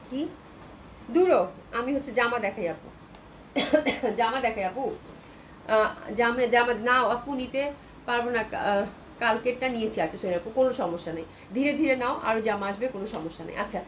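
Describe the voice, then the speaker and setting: Fast-talking woman selling dresses live. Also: on the high side, slight background noise, poor audio. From Bangladesh. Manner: chatty, reads out viewer comments. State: sore throat from a cold. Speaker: online clothing seller. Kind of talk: live sales stream.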